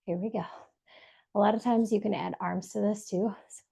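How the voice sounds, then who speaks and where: A woman's voice: medium pitch, steady tone, normal speed, creaky, warm tone, slightly rough. A woman leading a workout over a video call, giving encouraging step-by-step cues while she exercises. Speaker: fitness instructor. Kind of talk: live workout instruction.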